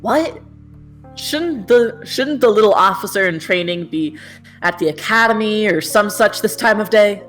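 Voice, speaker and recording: A woman's voice: medium pitch, animated, a little slow, a bit bright, pitched above the performer's own voice. A woman voicing a florid, grandiose male vagabond poet cat in an amateur cartoon dub, with a declaiming manner. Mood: breezy. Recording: guitar music behind.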